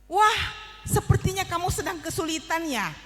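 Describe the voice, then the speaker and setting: Gentle kind butterfly voiced by a woman, high exclaiming storybook voice, echoing hall. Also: expressive, moderate pace.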